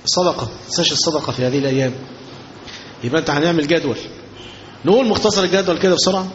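Egyptian male preacher, fairly high voice, chatty sermon full of rhetorical questions, muffled lo-fi tape with faint hiss. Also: racing. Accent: Egyptian Arabic. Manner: conversational, rhetorical questions to the audience. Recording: dull lo-fi recording with faint noise.

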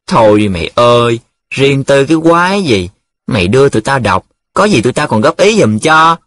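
A man voicing a cocky, teasing young male student who jokes in a sing-song way, with a husky voice. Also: mid-range voice, lively intonation, brisk, a bit bright, no room sound.

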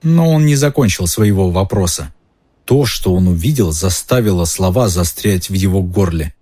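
Reader a man narrating a novel, low dark husky voice, steady delivery. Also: normal speed. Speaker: audiobook reader. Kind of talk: reading a novel aloud.

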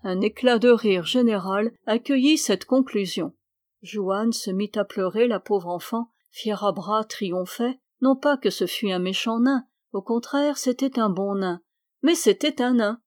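A woman's voice: medium pitch, unhurried, darkish tone, no echo, studio quality. Woman reading a novel aloud. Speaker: audiobook reader. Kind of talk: scripted narration of a novel.

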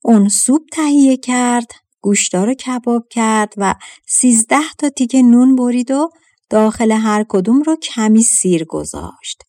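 A woman narrating a folktale audiobook in a measured, expressive reading. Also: a little high, no room sound, studio quality. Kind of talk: scripted storybook narration.

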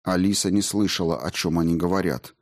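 A man reading an audiobook as narrator, in a steady, measured way. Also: low voice. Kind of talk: scripted narration.

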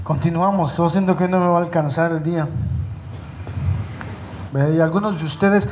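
A pastor preaching a live sermon to his congregation in church. He slows down and stresses his words when he reads scripture, and he speaks directly to the people in front of him. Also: on the high side, fairly even intonation, noisy background.

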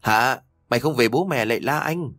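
A man voicing a blunt young farmer who talks gruffly, like an older brother scolding. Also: medium pitch, normal speed, a bit bright, dry recording, soft background music, pitched above the performer's own voice, close to an everyday voice.

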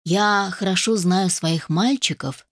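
Woman voicing a bossy, brisk mother. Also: on the low side, dry recording, studio quality. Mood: commanding. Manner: brisk and commanding. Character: bossy energetic mother planning an engagement.

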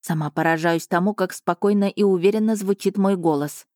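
A woman narrating a first-person novel as an audiobook, telling it in an even, measured way and giving the dialogue some life. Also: mid-range voice, no room sound, studio quality. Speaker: audiobook reader.

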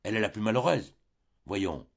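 A heartbroken old father pleads in anguished bursts, as a man reading a storybook puts him on. The husky, low voice comes through a dull, lo-fi audiobook recording. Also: sing-song, normal speed, exaggerated voice. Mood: pleading.

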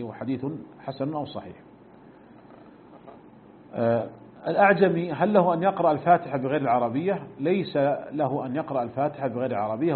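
A middle-aged man teaches a religious text at a brisk pace, explaining each point and repeating sounds to show how they are said. The recording is thin and phone-like, with a faint hiss underneath. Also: medium pitch. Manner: explanatory, repeats and demonstrates pronunciations. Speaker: sheikh teaching a fiqh text. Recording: tinny phone-like lesson recording.

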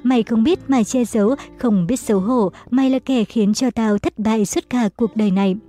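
A woman voicing a furious, jealous young husband who shouts insults and accusations at his wife. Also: a little high, normal speed, faint music behind, close to an everyday voice.

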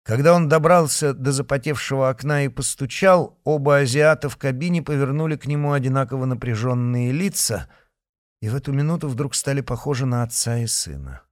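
A man's voice: medium pitch, brisk, dry recording, studio quality. A man narrating an audiobook expressively, voicing each character.

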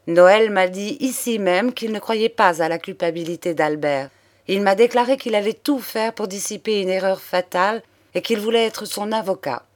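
A woman reading the lines of an elderly count, a grieving but energetic aristocratic father who speaks earnestly and tenderly in an audiobook of a crime novel. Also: medium pitch, natural voice. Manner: earnest, paternal, exclamatory.

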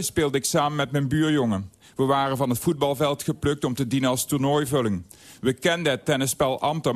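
Radio columnist, male, fairly high voice, dry wit, reading a scripted piece in a studio.

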